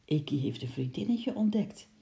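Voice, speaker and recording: A woman's voice: sits low, expressive, normal speed, vocal fry, mellow. A woman voicing an eager young girl who loves her pets in a storybook reading. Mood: whispering. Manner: eager, often whispering.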